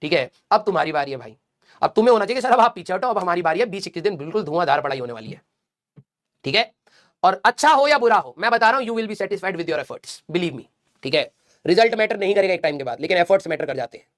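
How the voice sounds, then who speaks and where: Male coaching teacher, rapid motivational pep talk, blunt and scolding, slangy asides. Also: high-pitched, expressive, a bit bright. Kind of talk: motivational talk to exam students.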